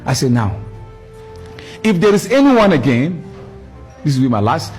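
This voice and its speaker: A middle-aged man giving a storytelling religious lecture, animated, repeating words for emphasis. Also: a little high, measured pace, soft background music. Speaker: Islamic speaker.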